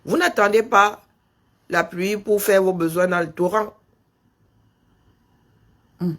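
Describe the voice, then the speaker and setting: A man's voice: sits high, fairly even intonation, takes it slowly, fairly bright tone. A middle-aged man with a Cameroonian French accent hosting a political live stream, pressing his point with rhetorical questions and calling out punctuation as he speaks. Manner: insistent, rhetorical questions, dictates punctuation aloud.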